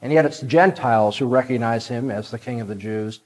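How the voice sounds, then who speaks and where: A man preaching a sermon and reading scripture aloud, measured and emphatic, dropping to a hushed tone on key phrases. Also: medium pitch, poor audio.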